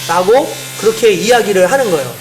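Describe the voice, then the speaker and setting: A woman's voice: mid-range voice, animated, brisk, over music. A woman pastor preaching a sermon, explaining step by step and asking the congregation rhetorical questions.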